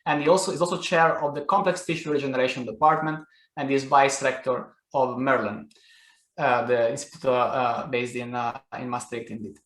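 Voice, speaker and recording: A man's voice: medium pitch, steady tone, a little fast, fairly bright tone. Man hosting a webinar in an echoey room. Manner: frequent uh fillers, polite. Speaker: session host. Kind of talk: introducing a keynote speaker.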